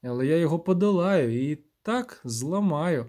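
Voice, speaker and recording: A man's voice: on the high side, lively intonation, normal speed, a little mellow, natural voice. A man voicing a proud, fierce sorceress in an audiobook, urgent and imperious. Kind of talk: audiobook character reading.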